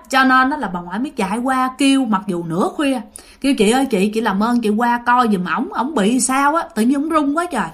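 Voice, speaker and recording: Animated woman storyteller. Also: a little high. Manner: animated, addresses listeners directly. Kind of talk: casual ghost story narration.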